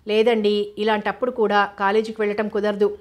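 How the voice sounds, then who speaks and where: A woman's voice: mid-range voice, monotone, quick pace, natural voice. A woman reading the lines of a polite, shy young male college student in an audiobook novel. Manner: polite, mild-mannered.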